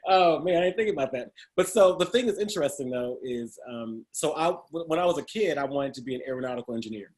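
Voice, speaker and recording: This middle-aged guest talks fast with few pauses, his voice a little high, expressive, and darkish in tone. He's telling funny stories about his life in a casual interview and laughs often.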